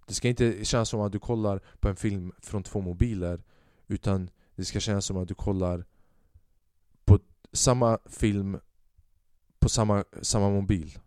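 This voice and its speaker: A man's voice: lowish voice, steady tone, a little mellow, clean tone, no echo, clean studio sound. A young man hosting a podcast, telling a rambling comic story in casual chat, acting out what people said and swearing freely. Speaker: podcast host. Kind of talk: casual comedic monologue.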